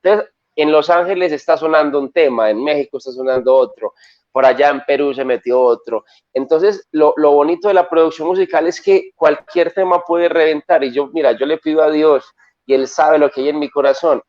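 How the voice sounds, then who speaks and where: A man's voice: a little high, fairly quick. A man from Colombia, a singer and songwriter, chatting casually as an interview guest and telling his stories with enthusiasm. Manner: lively, storytelling, enthusiastic. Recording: dull lo-fi remote audio.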